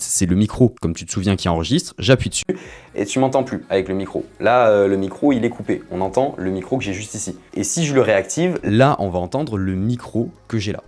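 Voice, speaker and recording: A young man talks through a gadget demo in a casual, chatty way, speaking right to the viewer. His pitch sits a bit low but swings around a lot as he gets excited. He laughs easily between explanations. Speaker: tech reviewer.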